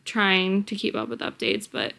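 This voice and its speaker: A woman's voice: mid-range voice, level tone, moderate pace, vocal fry, sharp tone. A pregnant woman in her twenties talking casually to camera in a rambling vlog, often out of breath. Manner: rambling, chatty, filler-heavy. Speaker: vlogger.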